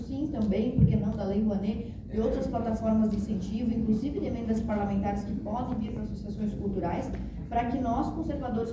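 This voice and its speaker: Speaking with a rural Santa Catarina Portuguese accent, a woman from Santa Catarina, Brazil, who once served as state deputy, gives a speech to an audience in a large council hall. Her voice is a little high, and she mixes grateful acknowledgments with warm jokes. The recording is distant and echoey, with a noisy crowd.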